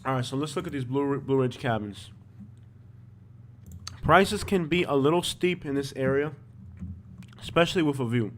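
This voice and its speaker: A man's voice: medium pitch, animated, normal speed, long pauses, slight background noise. Man, Miami accent, casual livestream host, informal off-the-cuff commentary, thinking aloud. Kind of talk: casual chat, live commentary on property listings.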